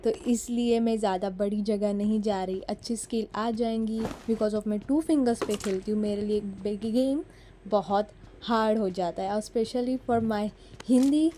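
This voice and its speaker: A Marathi-speaking woman from Maharashtra, India, with a Mumbai Hindi accent, speaks in a mellow mid-range voice with fairly even intonation and measured pace over slight hiss or hum. A mobile gaming YouTuber on a phone mic, she chats through a voice-over of her gameplay, self-deprecating and switching between Hindi and English.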